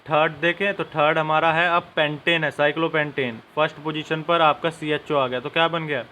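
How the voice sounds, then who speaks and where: A man's voice: fairly high pitch, fairly even intonation, a little fast, bright, forceful tone, a little hiss or hum. A young man teaching a chemistry lesson step by step and speaking directly to his students. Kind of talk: classroom-style lesson.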